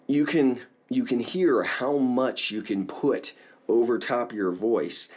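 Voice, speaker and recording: A man with a medium-pitched voice gives a casual singing lesson, explaining things in a relaxed manner and frequently checking in with the viewer.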